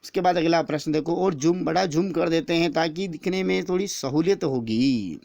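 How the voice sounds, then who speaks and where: A man's voice: fairly high pitch, normal speed, vocal fry, darkish tone, dry recording, clean studio sound. A man teaching an exam-prep grammar lesson, explaining step by step and repeating each answer after asking the question himself.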